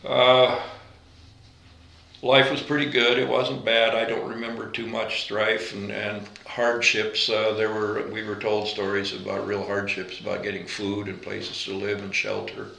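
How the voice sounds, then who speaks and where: Veteran in his 80s, born in Latvia, low bright voice, room echo. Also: level tone, vocal fry. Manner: unhurried, halting with fillers and self-corrections. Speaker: veteran interviewee. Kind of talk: oral history interview.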